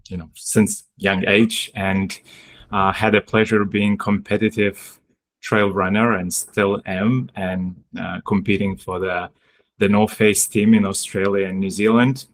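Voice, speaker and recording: A man's voice: lowish voice, fairly bright tone. A man, a sports medicine doctor giving a webinar talk over a video call, hesitant with many fillers and restarts. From Lithuania. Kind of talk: webinar presentation.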